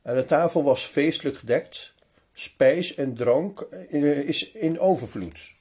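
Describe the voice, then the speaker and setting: Slow, expressive husky male storyteller. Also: a little high. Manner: slow, expressive narration with hesitations. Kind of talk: retelling a Bible story.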